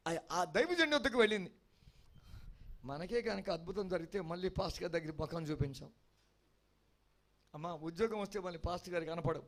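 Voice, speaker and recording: A high-pitched male pastor delivers an expository sermon. He preaches with emphatic repeated refrains and often asks the congregation whether they're following him.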